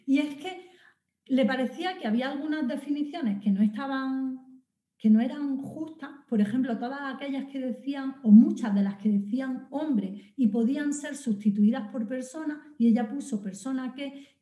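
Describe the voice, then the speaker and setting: A woman giving a public lecture. She is animated, talks straight to her audience, and often restarts and corrects herself. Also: fairly high pitch. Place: lecture hall. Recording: dull echoey hall recording.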